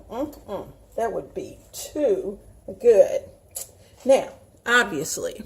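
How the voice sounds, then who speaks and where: A woman's voice: mid-range voice, a little mellow. A woman with a Southern US accent, chatting in a folksy way to viewers as she hosts a casual home cooking demonstration. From Southern United States. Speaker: home cooking show host.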